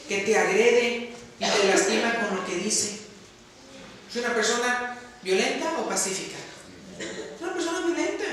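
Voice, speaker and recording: A man's voice: high voice, sharp tone, a little hiss or hum. A man from Mexico preaching a sermon, emphatic, asking the congregation questions and answering them himself. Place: church hall. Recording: very echoey hall, mic far off.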